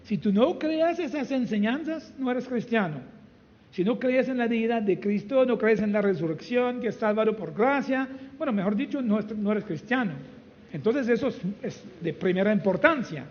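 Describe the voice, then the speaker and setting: A man's voice: very high voice, expressive, moderate pace, a little mellow. A man, a pastor, giving a conversational sermon in a church hall, teaching with many rhetorical questions. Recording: dull, reverberant hall recording.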